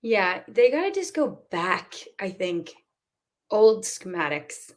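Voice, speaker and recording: A woman's voice: mid-range voice, very animated, slow pace. A woman co-hosting a chatty podcast, full of bubbly enthusiasm. She talks casually and breaks into laughs easily. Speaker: podcast co-host. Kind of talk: casual chat.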